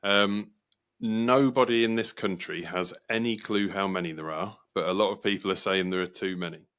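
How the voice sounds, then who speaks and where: An English man hosting a casual podcast, talking in an animated, argumentative way and acting out quoted voices. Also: low-pitched, normal speed, smooth. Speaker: podcast host.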